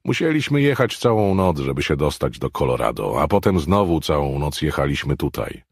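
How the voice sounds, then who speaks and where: A man's voice: very deep voice, very animated, moderate pace, creaky, breathy edge, no room sound, clean studio sound, full character voice. A man voicing a sullen, worn-out young male thug who complains about driving all night.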